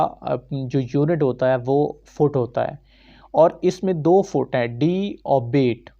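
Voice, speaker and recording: Male teacher, slightly high voice, mellow tone, patient step-by-step explaining, dull lo-fi recording. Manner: explains step by step, mixing in English terms. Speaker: literature teacher. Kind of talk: classroom lecture.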